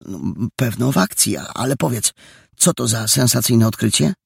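A man voicing a slow-witted, easily offended young boy in a storybook, hesitant and stammering. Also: medium pitch, expressive, vocal fry, slightly rough, no room sound, studio quality, pitched above the performer's own voice, exaggerated voice. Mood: puzzled, touchy. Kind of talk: audiobook character voice.

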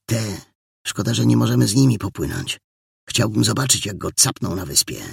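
A man voicing a small, freckled, eager boy sleuth who talks in excitable, breathless bursts. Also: fairly low pitch, normal speed, creaky, breathy edge, dry recording, clean studio sound, full character voice. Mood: wistful.

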